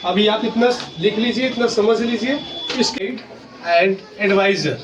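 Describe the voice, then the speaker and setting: A man's voice: very high-pitched, fairly even intonation, normal speed. Guy teaching a grammar class, asks then answers himself, spells stuff out, lots of room noise behind. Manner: explains step by step, asks and answers his own questions, spells words letter by letter. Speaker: school English teacher. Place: school classroom. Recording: distant classroom recording with clear background noise.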